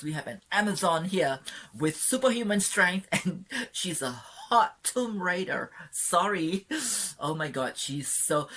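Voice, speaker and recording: A young woman talks through a film review in a gushing, excitable vlog manner. Her voice sits low and a little husky, and she keeps breaking into giggles and quick apologies. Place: Sydney, Australia.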